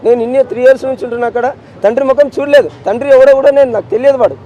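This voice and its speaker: A man's voice: extremely high pitch, fairly even intonation, very fast, dark tone, a faint crowd, low-quality recording. A grieving father with a Telangana accent speaking in a street interview, insistent and repetitive as he pleads for justice. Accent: Telangana Telugu. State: distraught with grief.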